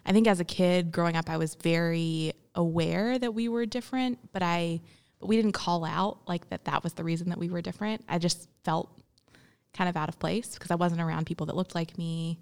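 A woman's voice: lowish voice, fairly even intonation, fairly quick, creaky, darkish tone, clean tone. A young woman, born in India and raised in Memphis, talking as a guest in a casual interview, thoughtful and full of fillers and restarts. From born in India, grew up in Memphis, Tennessee. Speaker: guest, entrepreneur.

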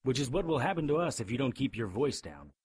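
A man's voice: medium pitch, big pitch swings, fast, a little mellow, husky, no echo, clean studio sound. A man playing a blunt, sardonic, urgent leader of frightened survivors in an audio drama. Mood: wry, blunt.

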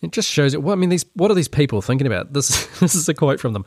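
A man's voice: a little high, very animated, quick pace, darkish tone, no echo, clean studio sound. A man with a New Zealand accent hosting a podcast, giving sarcastic, exasperated solo commentary. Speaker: podcast host.

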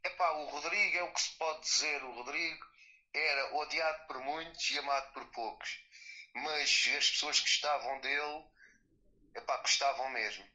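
A man from the Algarve in Portugal, a guest musician recalling a friend in a relaxed interview, with fillers and asides. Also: medium pitch, poor audio. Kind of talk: interview recollection.

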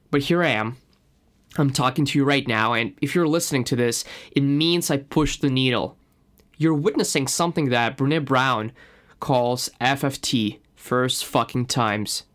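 A man's voice: mid-range voice, fairly bright tone. A man from Russia with a slight Russian accent, introducing his own podcast in an earnest, personal way. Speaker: podcast host.

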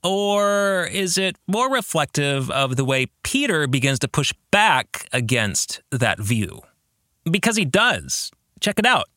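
Speaking slowly with big swings in pitch, a man with a fairly high, pushed, bright voice hosts a book podcast as a theology teacher. He explains ideas and reads quotations aloud academically and emphatically, inviting the listener to reflect on questions. It's a clean studio recording without echo.

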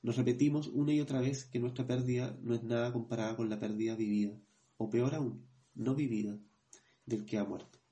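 Gravelly, dark-voiced man reading aloud. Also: mid-range voice. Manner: measured reading, hesitant when speaking freely. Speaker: podcast co-host. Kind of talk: reading a book aloud and commenting.

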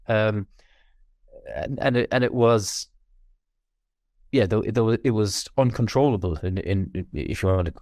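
A man with a west of Ireland accent chatting casually in an interview, halting and repeating words as he thinks. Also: fairly low pitch, darkish tone, no echo, clean studio sound. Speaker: fly fishing guest.

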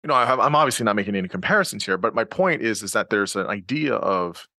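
A man's voice: lowish voice, animated, fast talker, bright, forceful tone, no room sound, clean studio sound. A man hosting a podcast interview, thinking aloud with many fillers and restarts. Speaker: podcast host. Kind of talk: conversational interview.

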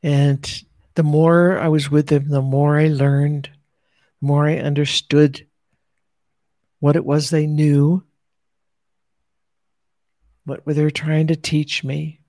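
A woman reflecting warmly and slowly on her years of study in a heartfelt podcast conversation. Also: sits low, little pitch movement, no room sound, clean studio sound. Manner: slow, heartfelt, repeating phrases. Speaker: teacher sharing her experience.

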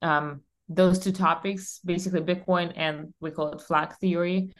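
A woman's voice: on the low side, steady tone, normal speed. A young woman from Russia, a podcast guest, talking energetically and emphatically with frequent fillers in a conversational interview. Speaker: podcast guest, company founder.

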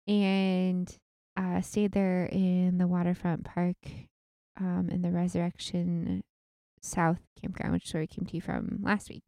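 A woman co-hosting a podcast, chatting casually about her week and often dropping into quiet asides. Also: fairly low pitch, vocal fry, dry recording, clean studio sound. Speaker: podcast co-host. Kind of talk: casual chat.

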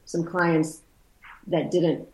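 With a deep voice, little pitch movement and drawn-out words, a Polish-speaking woman from Poland muses loosely as an interview guest, restarting her sentences often in the casual conversation. The low-quality recording sounds roomy.

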